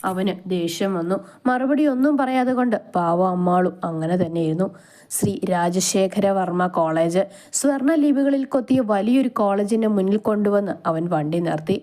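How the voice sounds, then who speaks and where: A woman reading a romance story aloud, lifting her pitch a little for each character. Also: lively intonation, moderate pace, mellow.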